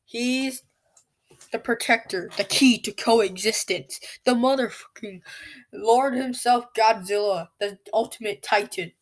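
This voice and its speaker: Slow-talking woman rambling over monster fights. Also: on the high side. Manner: rambling, stumbling over names and restarting; off-the-cuff asides and self-corrections. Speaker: channel host. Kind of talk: casual commentary on a monster battle video.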